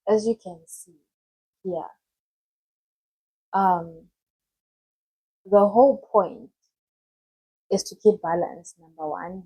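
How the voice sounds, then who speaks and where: Speaking in a fairly low, warm voice with some breathiness, a young woman is heard on a rough recording. Her casual tutorial offers study-planning tips to camera, delivered in a chatty, loose way full of restarts and self-corrections.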